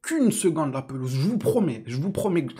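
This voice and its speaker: A man's voice: a little high, big pitch swings, a little fast, dark tone. A young man giving an angry, sarcastic post-match rant as a football video host. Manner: indignant, sarcastic, mocking. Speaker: football commentator youtuber.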